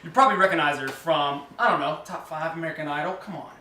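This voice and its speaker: A man's voice: fairly high pitch, quick pace, pushed and bright, recorded from a distance. A man with an Alabama accent hosting a casual, playful interview with joking banter. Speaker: show host. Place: dressing room at a music venue. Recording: echoey room, off-mic, faint noise.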